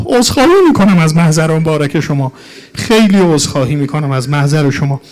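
A man giving a mourning sermon, moving between slow chanted recitation and an emotional spoken retelling. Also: fairly high pitch, a little mellow. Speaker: mourning preacher.

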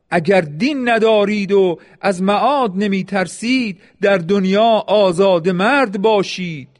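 A man's voice: high voice, no echo, clean studio sound, pitched above the performer's own voice, natural voice. A man declaiming as a proud defiant warrior leader. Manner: declaiming, raised and forceful.

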